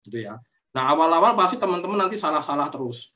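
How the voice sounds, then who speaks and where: A man's voice: on the high side, animated, quick pace, bright, forceful tone, dull audio. A man giving a webinar talk on parenting, explaining patiently and often checking in with short tags like "you see". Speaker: parenting speaker. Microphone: video call.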